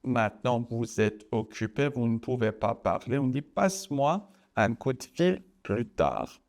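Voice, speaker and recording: A man with a Persian accent teaching a French lesson, saying each phrase clearly and repeating it, sometimes acting out short exclamations. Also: mid-range voice, expressive, unhurried, darkish tone. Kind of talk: slow, deliberate language lesson.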